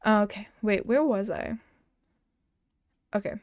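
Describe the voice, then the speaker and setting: Speaking slowly in a medium-pitched, darkish voice, a woman streamer talks casually with her audience, reading out chat messages and a story. She frequently stutters and restarts words, with occasional laughter, and there's no room sound.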